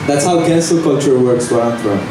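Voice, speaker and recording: This young Algerian comic has a mid-range voice and works a small bar stage at an open mic, deadpanning his jokes with hesitant fillers and jittery laughter. His handheld mic is captured by a distant camera, leaving the audio roomy, echoey and noisy.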